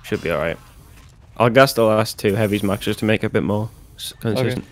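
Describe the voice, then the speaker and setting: A man's voice: on the low side, a little fast, a little hiss or hum. A man speedrunning a game, chatting casually in team callouts over voice chat, with some swearing. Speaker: speedrunner playing a team shooter. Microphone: gaming voice chat.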